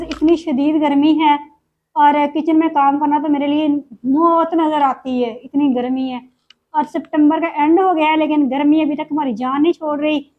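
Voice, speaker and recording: A woman's voice: high-pitched, no room sound. A middle-aged woman, chatting to her viewers in a casual vlog with a sore throat, complaining and confiding. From Pakistan. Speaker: vlogger. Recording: dry, tinny phone-like audio.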